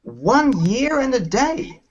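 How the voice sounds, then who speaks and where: A man's voice: very high voice, big pitch swings, slow, full character voice. A man from England reading a worried husband whose cat has gone missing, in an earnest, plaintive way, for a children's play. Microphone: video call. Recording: dull lo-fi video call audio.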